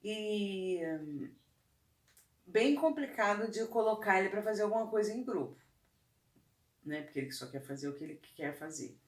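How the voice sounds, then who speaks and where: A woman's voice: medium pitch, expressive, normal speed, pauses often. A woman teacher and clown artist chatting casually, telling classroom stories with lots of tag questions. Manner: storytelling, conversational, frequent tag questions. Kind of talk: casual talk about teaching. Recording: roomy room, distant mic.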